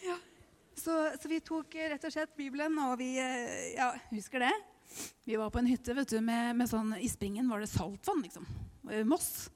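A middle-aged woman preaching a personal testimony, emotional, laughing through tears and dropping to whispers. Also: on the high side. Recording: hall reverb.

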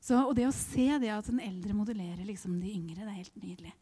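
A woman's voice: mid-range voice, dark tone, husky. A middle-aged woman preaching a personal testimony, emotional, laughing through tears and dropping to whispers. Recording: hall reverb.

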